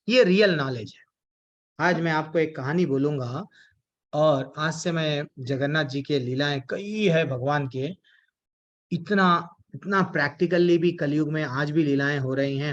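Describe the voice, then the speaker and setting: A man with a high, bright voice leads a devotional scripture class, telling stories in an animated way. He keeps asking his listeners questions and then answering them himself. The sound is dull and lo-fi. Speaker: Gita class teacher.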